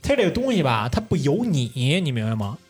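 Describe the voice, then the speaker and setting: A man's voice: fairly high pitch, big pitch swings, a little fast, a little mellow, breathy edge, soft background music. A young man, a podcast host telling a story in casual chat, swearing and laughing often. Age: young adult.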